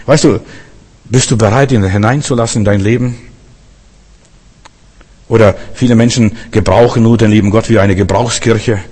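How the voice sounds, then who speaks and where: Husky-voiced preacher in a reverberant hall. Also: male voice, on the low side, steady tone, normal speed, long pauses, darkish tone. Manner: fervent, repetitive preaching with frequent rhetorical questions. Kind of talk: sermon.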